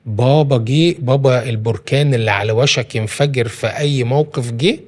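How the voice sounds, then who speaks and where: A man's voice: medium pitch, brisk, a little mellow. A man with an Egyptian accent, a guest talking about parenting, explaining with everyday examples and frequent restarts. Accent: Egyptian Arabic. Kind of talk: casual studio conversation.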